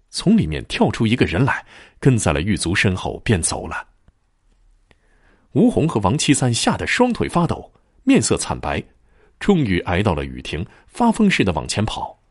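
A man narrating a ghost story in a dramatic, expressive storyteller style. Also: on the low side, normal speed, no echo, studio quality.

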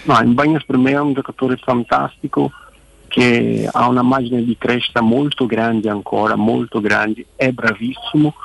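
A man's voice: mid-range voice, creaky, slight background noise, poor audio. A man working as a football pundit guest on a radio show, explaining his view emphatically and often repeating words as he goes. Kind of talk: radio phone-in commentary.

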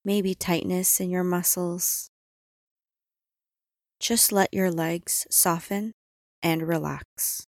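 A woman guiding a relaxing body-scan meditation in calm, soothing instructions with long pauses. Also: lowish voice, dry recording, clean studio sound. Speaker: meditation guide.

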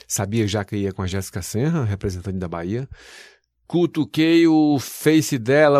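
A man's voice: medium pitch, a little mellow, no room sound, clean studio sound. A man, working as a TV news presenter, telling his story animatedly with folksy exclamations in an interview.

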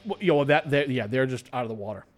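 A man's voice: medium pitch, expressive, fast talker, soft background music. A man with a Boston accent hosting a radio show in casual, jokey banter, rambling and repeating words, with some swearing.

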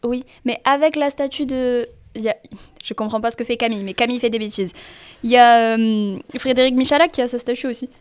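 Excited rapid-talking woman co-host. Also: fairly high pitch, clear, resonant tone. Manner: excited, laughing, rapid storytelling. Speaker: sports news co-host. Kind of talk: casual radio chat. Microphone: studio microphone.

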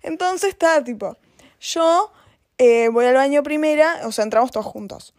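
A young woman with a Rioplatense Spanish accent, chatting casually in a rambling, giggly way full of fillers. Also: high voice. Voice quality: giggly, bursts of laughter. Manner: fast, rambling, peppered with fillers. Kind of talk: casual chat.

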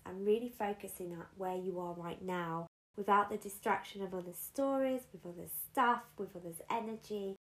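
A woman talks through spiritual guidance in an earnest, conversational way, with a voice of middling pitch. She builds her points through emphatic repetition. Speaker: spiritual guide. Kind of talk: spoken spiritual guidance talk.

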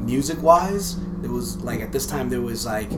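A man's voice: medium pitch, animated, normal speed, background noise. An American man reminiscing casually in a conversational way, often checking in with "you know".

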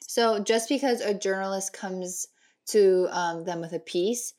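Young woman co-host, mid-pitched, animated storyteller, trips over words in excitement. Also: a little slow. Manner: storytelling, animated, stumbles and restarts when excited. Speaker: podcast co-host. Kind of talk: casual political podcast chat.

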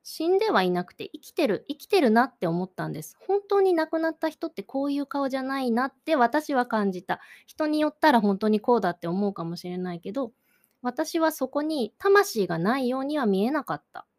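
A woman's voice: high voice, sing-song, fairly quick, darkish tone. A woman, the host of a solo talk show, musing thoughtfully and searching for words, sometimes dropping to a near whisper. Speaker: podcast host. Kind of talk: reflective solo talk about an art exhibition.

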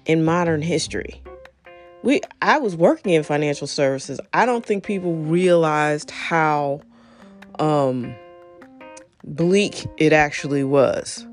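This middle-aged podcast host talks off the cuff on her own show, laughing frequently and straying into tangents. Her voice sits low and has a somewhat dark tone.

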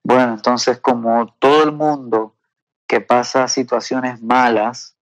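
A man with a gravelly, creaky voice tells a heartfelt personal testimony. He speaks haltingly and earnestly, often checking in with tag questions. The sound is close and dry, with no room echo. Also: mid-range voice, flat delivery. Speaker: guest sharing a personal testimony.

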